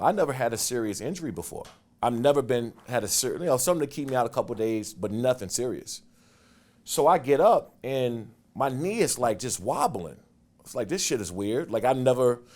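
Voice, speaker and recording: A man in his forties telling stories from his football career in a casual interview, animated and getting loud and quick when excited. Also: mid-range voice. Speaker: guest, former football player.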